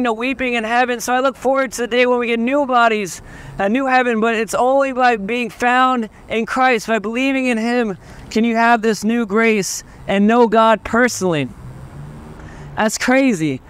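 High-voiced earnest young street preacher. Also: male voice, a bit bright, smooth. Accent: Southern US. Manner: earnest, pleading, with restarts. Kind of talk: open-air street preaching. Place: outdoors on a town street.

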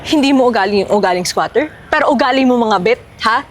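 A woman playing a furious wife who loudly accuses another of stealing her husband, in a short film. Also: on the high side, animated, fast, slight background noise, close to an everyday voice. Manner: loud, accusing, theatrical shouting. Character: furious wife confronting a suspected mistress.

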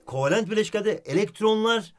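A man with a high voice teaches chemistry at a fairly quick pace in a playful comedic lesson. Animated and teasing, he keeps heaping praise on his student and repeating the student's name.

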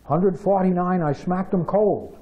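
A man voicing a slow, simple young farm boy who sounds earnest and bewildered. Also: high-pitched, pitched above the performer's own voice. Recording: dull lo-fi radio audio.

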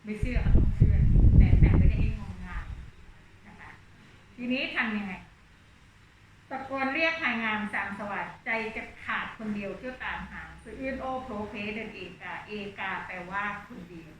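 A woman's voice: mid-range voice, moderate pace. A woman teacher explaining classical verse to her class in plain talk, acting out the characters' thoughts. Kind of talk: classroom lesson on Thai literature. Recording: distant, muffled, echoey, noisy.

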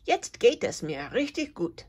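A woman voicing a small, cheerful male cricket who is cold and hungry, with a thin, high, chirpy voice, in a storybook reading. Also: sing-song, a little slow, slightly rough. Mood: eager.

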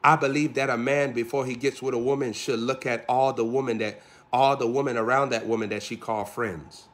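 A man's voice: medium pitch, fairly even intonation, brisk, a bit bright. A man a sermon, driving his points with rhythmic repeated phrases and pointed questions. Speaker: preacher.

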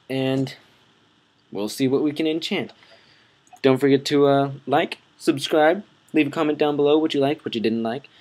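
A young man hosting a gaming channel, rambling and correcting himself as he comments on his play and talks to viewers. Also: fairly high pitch.

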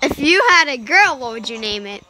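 Lady doing a squeaky cheeky kid son, bouncy up and down voice, teases a lot. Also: animated, fairly quick, sharp tone. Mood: teasing. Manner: teasing, squealing, giggly. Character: cheeky teasing young son. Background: pop music playing.

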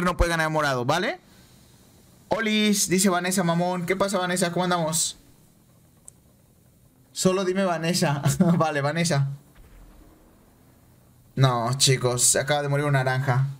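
A Mexican man streaming a game, chatting excitably with viewers and repeating himself. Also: fairly high pitch, a little slow, long pauses. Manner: excitable, repeats phrases, banters with chat. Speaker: gaming streamer. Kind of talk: casual live-stream chat over gameplay.

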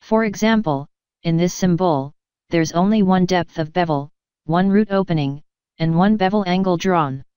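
A woman instructor narrates a scripted technical lesson in a calm, even, measured explanatory manner, her slightly low voice very clear and clean. The recording is dry, close and lo-fi, with no room sound or echo.

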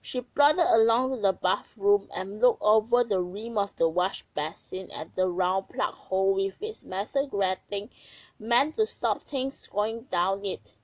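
A woman narrating a children's story aloud in a gentle, expressive way. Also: medium pitch, a little slow, dry recording, dull audio.

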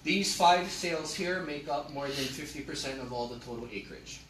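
In a classroom with a projector screen, a middle-aged land-history lecturer with a voice on the high side speaks at normal speed, emphatically and with rhetorical questions. A far-off camera records the echoey room, and background noise is present.

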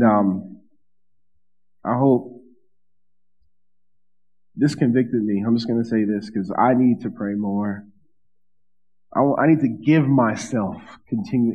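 Man preaching in a reverberant church. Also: medium pitch. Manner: conversational preaching with asides and repeated phrases. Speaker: pastor. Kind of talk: sermon. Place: church stage at a wooden pulpit. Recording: dull sound with long hall reverb.

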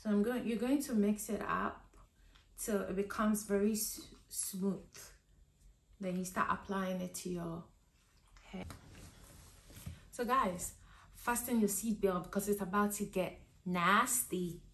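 In a casual, step-by-step hair tutorial filmed in her living room, a young woman with a cold-roughened, slightly hoarse voice speaks unhurriedly in a mid-range tone. Ums and restarts pepper her chatter. A camera placed in front of her at desk distance captures the echoey room and the soft music playing behind.

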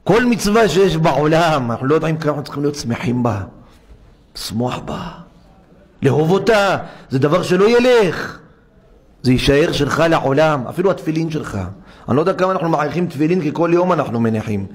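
A middle-aged rabbi giving a sermon in a synagogue, telling stories and acting out the voices of the people in them. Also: male voice, animated. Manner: acts out quoted characters with pitch swings. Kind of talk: sermon with storytelling.

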